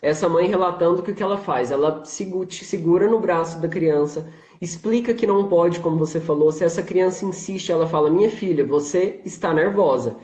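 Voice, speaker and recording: A man's voice: sits high, a little fast, darkish tone. A man with a Brazilian Portuguese accent, a guest in a casual chat, relaxedly retelling something he read, speaking over a video call. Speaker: guest photographer. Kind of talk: casual conversation. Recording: echoey, dull-sounding remote call audio.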